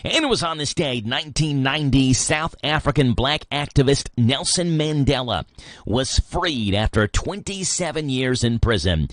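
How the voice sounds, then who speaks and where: A man's voice: medium pitch, lively intonation, moderate pace, no room sound. An American man hosting a live morning radio show, moving between read items and casual chat. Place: radio studio.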